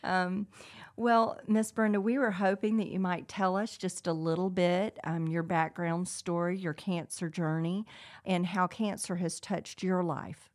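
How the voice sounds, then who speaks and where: Lower-voiced woman co-hosting. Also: fairly even intonation, a little slow, a little mellow. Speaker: co-host, speech pathologist. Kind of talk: talk show introduction and chat.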